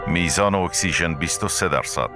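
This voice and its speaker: A man voicing a calm deep computer voice. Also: over loud music. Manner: calm, measured announcements. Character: calm male computer of a cryo pod. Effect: calm machine system voice.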